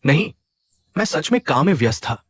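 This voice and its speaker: A scheming, evasive boyfriend. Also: male voice, fairly high pitch, sing-song, moderate pace, fairly bright tone, breathy edge, no room sound, heavily acted. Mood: dismissive. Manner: defensive, dismissive.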